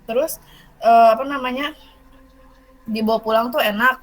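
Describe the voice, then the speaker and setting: A woman's voice: on the high side, steady tone, normal speed, poor audio. A young woman, rambling through a story with fillers in casual podcast chat. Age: young adult. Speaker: guest storyteller.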